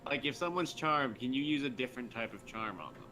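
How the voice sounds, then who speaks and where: A man's voice: medium pitch, lively intonation, fast, pushed and bright, a little hiss or hum. A man playing in a tabletop game, hesitantly stating actions and asking curious rules questions. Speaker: player. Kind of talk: casual tabletop play.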